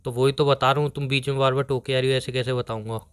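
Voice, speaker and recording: A man's voice: medium pitch, little pitch movement, fast, a little hiss or hum. A young man on a phone call, rambling defensively and pleading to be heard in a scripted comic argument. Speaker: boyfriend on a call.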